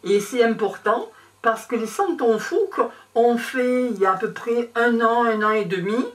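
An older man from Provence presenting his handmade nativity crib to camera in a small room, talking in slow halting phrases full of pauses and fillers. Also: extremely high pitch, a bit bright, distant mic. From Provence, France. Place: small indoor room with a decorated table. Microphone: clip-on lapel mic.

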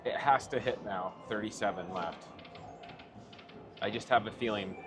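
A man's voice: fairly low pitch, a little slow, noisy background. A man talking casually as he plays along in a slot machine vlog on a casino floor. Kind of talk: casual chat. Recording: loud music behind the voice.

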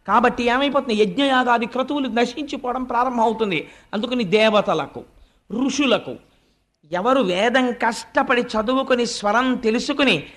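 High-voiced man preaching a spiritual discourse. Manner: preaching, rhetorical questions answered himself, drawn-out emphatic lists. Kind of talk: Telugu religious discourse on the Bhagavatam.

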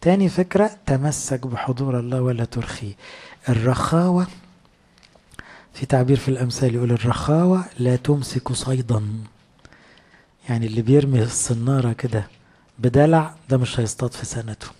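Egyptian male preacher, rapid and conversational, husky low-key timbre. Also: mellow. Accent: Egyptian Arabic. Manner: conversational, asks rhetorical questions. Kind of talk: sermon.

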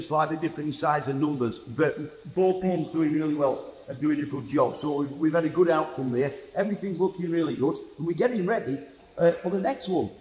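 A man's voice: a little high, mellow. A man in his forties with a Yorkshire accent gives a plain-spoken, chatty farm update from inside a pig barn, often stopping for "uh" and restarting his sentences. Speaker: farmer presenting a farm video. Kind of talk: casual walk-and-talk farm update. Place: indoor pig barn with pens and straw. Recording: long reverb of a large barn.

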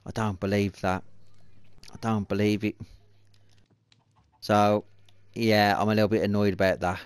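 Low-voiced man muttering over his game. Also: flat delivery, unhurried, clear, resonant tone, dry recording. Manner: muttering to himself, exasperated, swears when frustrated. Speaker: gaming video host. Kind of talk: let's-play game commentary.

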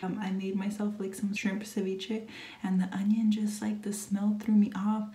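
A woman's voice: medium pitch, completely flat delivery, normal speed, warm tone. Whispering nervous young woman vlogging. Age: 20s. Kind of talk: late-night confessional vlog. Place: home at night. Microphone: phone camera.

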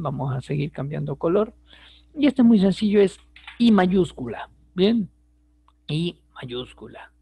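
A man's voice: fairly high pitch, creaky, warm tone, breathy edge, no room sound. A man teaching an online chemistry lesson, patient and repetitive, checking in with his students as he writes. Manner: patient, repeats words, asks rhetorical checks.

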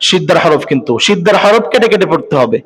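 A man with a fairly high voice runs a recitation class, breaking each rule down step by step. He keeps putting questions to his listeners and answers them himself, in a patient teaching tone. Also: expressive, quick pace, fairly bright tone, rough recording. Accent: Bangladeshi Bengali. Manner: explains step by step, asks rhetorical questions to students. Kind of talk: tajweed lesson, spoken explanation.

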